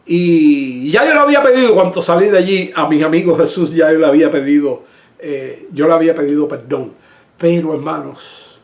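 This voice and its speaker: A man's voice: fairly high pitch, echoey room. A middle-aged male pastor preaching a sermon, telling a personal story with emotion and many restarts.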